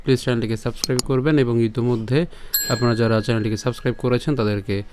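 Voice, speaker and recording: A man with a Bengali accent teaching Sanskrit verse pronunciation, patiently breaking each line into syllables and repeating it slowly. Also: mid-range voice, fairly even intonation. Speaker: Gita recitation teacher. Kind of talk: pronunciation lesson.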